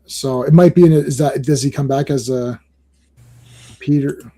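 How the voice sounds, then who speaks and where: A man hosting a casual podcast, talking excitedly with co-hosts, laughing often and restarting his sentences as he rambles. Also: mid-range voice, moderate pace. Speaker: podcast host. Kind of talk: casual chat, reviewing comics.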